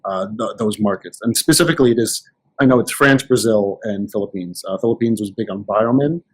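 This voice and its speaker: A man in casual podcast chat, telling anecdotes with animated restarts. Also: lowish voice, fairly quick, husky, rough recording. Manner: storytelling, animated, many restarts. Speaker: podcast guest.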